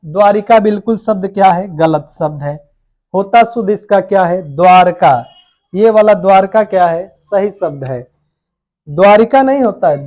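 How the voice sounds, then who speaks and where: High-voiced man teaching spelling. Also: a little mellow. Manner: asks a question, then answers it in a falling voice; spells out words slowly, syllable by syllable. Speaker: Hindi teacher. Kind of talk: exam coaching lesson.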